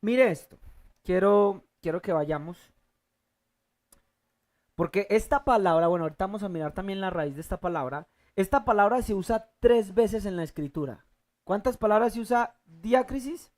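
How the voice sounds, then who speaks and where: Preacher in a teaching sermon, mid-pitch, halting restarts, call-and-response questions to the congregation. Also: expressive, darkish tone. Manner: asks the congregation fill-in questions, repeats key words slowly; halting restarts, thinking aloud. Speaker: preacher teaching a Bible class.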